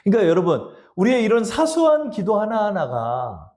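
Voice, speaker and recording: Male pastor preaching, kinda high voice, tells funny stories and gets the church to repeat after him. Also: wildly swooping pitch, normal speed, a little mellow. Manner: storytelling with chuckles and acted quotes, leads congregation in repeating lines. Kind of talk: sermon. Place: church sanctuary.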